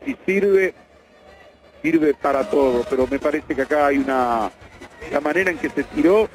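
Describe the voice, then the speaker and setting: A man's voice: fairly high pitch, moderate pace, rough recording. A man calling a football match play-by-play, repeating his calls with fervent, theatrical energy. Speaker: play-by-play radio commentator.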